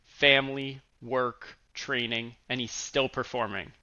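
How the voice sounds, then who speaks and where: Upbeat male co-host with a bright, sharp tone, dull lo-fi recording. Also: medium pitch, flat delivery, unhurried. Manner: upbeat and admiring, with "um" fillers. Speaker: podcast co-host. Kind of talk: casual podcast hosting.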